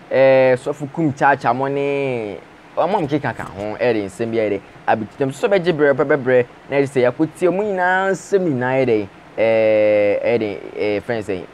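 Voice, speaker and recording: A young man presents the news in a steady spoken commentary, with frequent fillers, recorded on an earphone mic in a small room. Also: medium pitch, slight background noise. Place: small indoor room with patterned wallpaper. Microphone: wired earphone mic, webcam framing.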